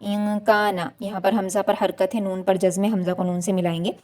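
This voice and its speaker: Female recitation teacher, mid voice, slow methodical drilling with repetitions. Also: medium pitch, flat delivery, dark tone. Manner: slow, drawn-out recitation between plain explanations; patient, instructive, repeats each word. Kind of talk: step-by-step recitation lesson.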